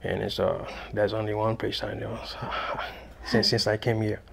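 A man answers interview questions in a TV studio. His voice has a strong gravelly fry, and he fills his answers with repeats and fillers, with faint noise behind him. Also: on the low side, flat delivery. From Haiti. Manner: halting, many fillers and repeats. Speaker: guest, English student.

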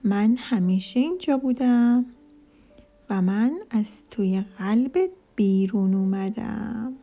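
Lady doing a soft mysterious voice in a kids' story, calm questions, dark husky tone. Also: medium pitch, muffled recording, soft background music, natural voice. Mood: gentle.

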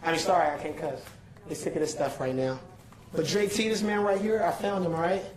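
A man's voice: fairly high pitch, fairly even intonation, brisk, slight background noise. A young man giving an urgent, pleading speech to a crowded council chamber, often repeating himself to hold the room. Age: young adult. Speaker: protester addressing a council meeting. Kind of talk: impassioned public address. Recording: echoey chamber with loud crowd. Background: shouting crowd.

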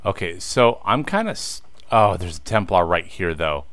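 A man in his thirties hosts a let's play, chatting casually to viewers while he games, and he gets frustrated easily. His deep voice swings widely in pitch, with a fairly bright tone at normal speed. There's no room sound.

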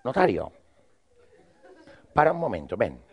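A man's voice: medium pitch, very animated, a little slow, a little mellow. A man telling a rambling, crude comic monologue in character, acting out both sides of the dialogue.

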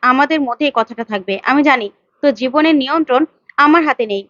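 A woman's voice: high-pitched, fast talker, a bit bright, no echo, muffled recording. A woman voicing a determined young woman who speaks firmly and insistently. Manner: firm, insistent. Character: determined young woman heroine protecting her family.

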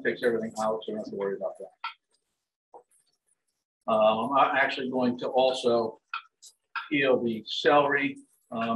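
A man with a medium-pitched voice, a chef and dining services director, runs a live cooking demonstration indoors in a large home kitchen, giving relaxed step-by-step instructions peppered with "um" and "like I said." The fixed camera across the counter catches his voice at a distance in the echoey room, with faint hiss. A turkey sizzles in a pan.

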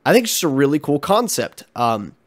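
A man's voice: fairly high pitch, big pitch swings, a little fast. A young man with a stuffy, congested voice, talking through a casual commentary vlog as its host, chatty and frank with many ums and uhs. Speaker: channel host.

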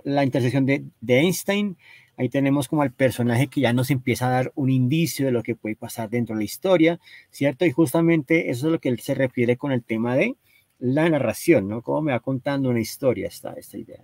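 A man's voice: medium pitch, a little fast, a little mellow, no room sound. Guy lecturing on book covers, lots of "¿no?" and "¿cierto?", kinda hesitant, dry close sound. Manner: hesitant, constantly tags phrases with "¿no?" and "¿cierto?". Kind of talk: explanatory slide talk.

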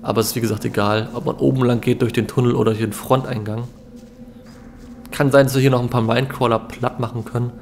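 Young man, let's player, medium pitch, casual musing gameplay commentary with faint background noise. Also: flat delivery, fast talker, darkish tone. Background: game ambience.

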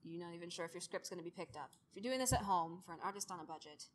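This early-twenties woman speaks rapid-fire on the low side, with a little hiss or hum in the audio. She's a student who makes audio dramas, presenting informally in a rambling, self-deprecating way.

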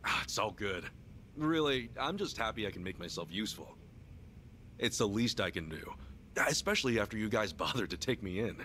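An actor playing a modest, earnest job counselor in a video game, speaking formally and courteously but firmly. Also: male voice, fairly low pitch, expressive, a little fast, sharp tone, a little hiss or hum. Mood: modest, friendly.

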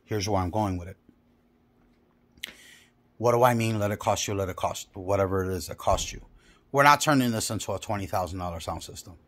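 Man, car audio installer, low-ish voice, blunt and profane, casual workshop talk. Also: brisk, long pauses, a bit bright.

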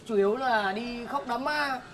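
A man's voice: very high-pitched, measured pace, a bit bright, slight background noise. An actor playing a boastful young village man who leads a hired mourning troupe, speaking brashly. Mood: boasting.

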